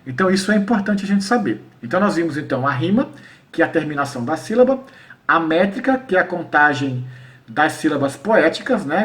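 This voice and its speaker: A man's voice: on the high side, a bit bright, distant mic. A man from Paraíba, Brazil, with a Northeastern Brazilian accent, explaining poetry to teachers in an informal lesson and often asking the listener to confirm he is following. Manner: explanatory, checks in often with "né?" and "tá?", recites verses slowly. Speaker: cordel poet teaching educators.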